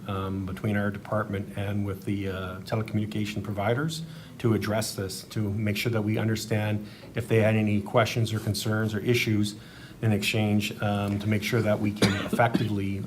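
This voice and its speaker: In an echoey room, a low-pitched man answers as an emergency official at a briefing. He sounds set back from the microphone. His delivery is formal and measured, with a halting flow. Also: distant mic, slight background noise. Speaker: government emergency management official.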